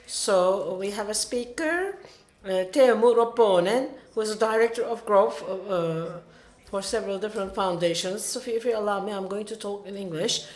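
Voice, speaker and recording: A woman's voice: medium pitch, moderate pace, darkish tone. Turkish-accented woman moderating, echoey room. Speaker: panel moderator. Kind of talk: conference session introduction. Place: conference room, live event.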